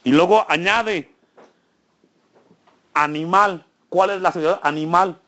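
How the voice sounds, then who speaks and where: A man's voice: sits high, a little slow, sharp tone, dull audio. A male pastor preaching a sermon in a church, asking the congregation frequent questions and building emphasis.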